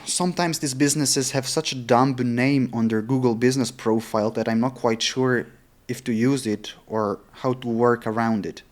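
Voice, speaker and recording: Here a man keeps a steady tone in a mid-range voice, moving at a moderate pace. He speaks English as a non-native speaker whose stronger language is Italian or German, and he's vlogging casually and openly while practicing sales cold calls.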